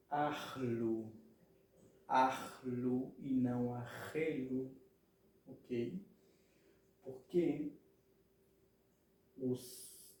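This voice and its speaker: Slow, patient man in echoey room. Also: mid-range voice, mellow. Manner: patient, repeats words and checks understanding with "ok?". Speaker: Hebrew grammar teacher. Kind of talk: explanatory lesson. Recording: very echoey room, mic at a distance.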